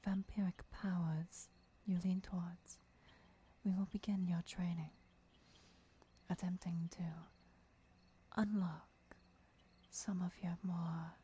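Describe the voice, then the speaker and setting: A woman plays a devoted, gentle vampire who is both mentor and lover in an ASMR roleplay, whispering breathily as she gives soothing instructions. Her voice is on the low side and fully in character.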